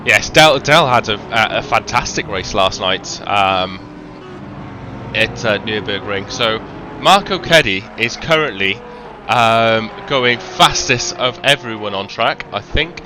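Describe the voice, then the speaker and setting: A man's voice: lowish voice, animated, slow pace, noisy background. A man with a faint Welsh accent doing live sim racing commentary, chatty, with lots of ums and self-corrections. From Wales.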